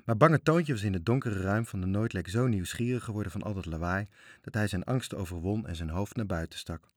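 A man's voice: fairly low pitch, fairly quick, darkish tone, no echo, clean studio sound. A man reading a children's story aloud, expressively, voicing the characters. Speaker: narrator.

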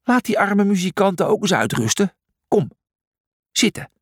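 A man's voice: on the high side, animated, normal speed, vocal fry, breathy edge, no echo, clean studio sound, pitched above the performer's own voice, full character voice. A man voicing an anxious, bossy young male donkey who scolds in a hissing voice. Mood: fretful.

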